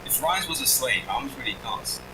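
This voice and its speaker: A man's voice: medium pitch, lively intonation, a little fast, distant mic, noisy background. A man chatting casually on voice chat during a gaming session, joking and laughing. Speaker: friend on voice chat.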